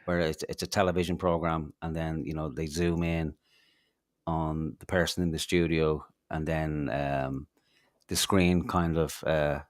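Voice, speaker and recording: A man's voice: very deep voice, little pitch movement, unhurried, no room sound, studio quality. A man, co-hosting a podcast, telling rambling stories in casual chat with lots of fillers, restarts and swearing. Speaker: podcast co-host.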